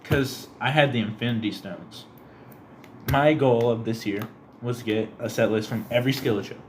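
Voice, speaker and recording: A young man co-hosting a casual podcast, telling stories animatedly and acting out quotes in a squeaky high voice. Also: normal speed, slight background noise. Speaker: podcast co-host. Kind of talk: casual chat.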